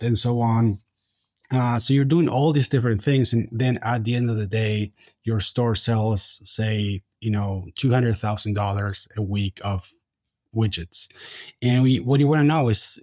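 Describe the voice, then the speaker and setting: A man's voice: lowish voice, a little mellow, no echo, clean studio sound. A man from Argentina with an Argentine accent, a tech founder answering interview questions in casual chat, hesitant and full of fillers and restarts. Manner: halting, many fillers and restarts.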